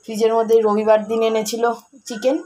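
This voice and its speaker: A woman's voice: a little high, little pitch movement, fast, warm tone, rough recording. A woman, chatting casually at home about her day in a rambling, homely vlog style. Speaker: homemaker vlogger. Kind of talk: casual daily-life vlog narration. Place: at home, indoors.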